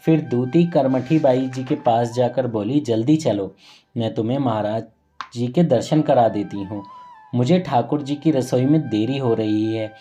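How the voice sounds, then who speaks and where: A man tells a saint's story in an earnest, reverent devotional voice, sometimes catching and correcting a word mid-phrase. His tone is deeply mellow and dark, with pitch in an ordinary middle range. Quiet music plays faintly underneath. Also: a little slow. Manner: earnest, reverent retelling with occasional self-corrections.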